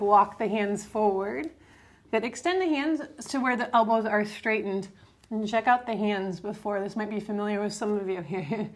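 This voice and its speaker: A woman teaching a yoga class, giving calm step-by-step cues for breath and movement. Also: medium pitch. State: slightly out of breath at times. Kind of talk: guided yoga class instruction.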